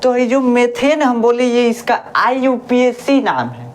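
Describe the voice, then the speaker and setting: A woman's voice: fairly high pitch, measured pace. A woman science teacher, explaining a lesson in a chatty, homely way. She keeps asking questions, answering them herself and repeating the key words. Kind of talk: classroom-style lesson.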